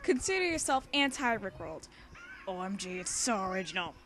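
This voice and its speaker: A young woman, an amateur fan fiction reader and co-host, reads a story aloud in a casual, homemade style at a brisk pace. Her medium-pitched voice is excitable and giggly, and she slips easily between the text and chatty asides, over a noisy background.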